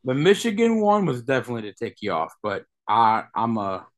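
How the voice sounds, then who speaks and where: A man's voice: mid-range voice, big pitch swings, fairly quick, over a noisy crowd. A man co-hosting a casual sports podcast, teasing and needling his co-hosts. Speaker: podcast co-host.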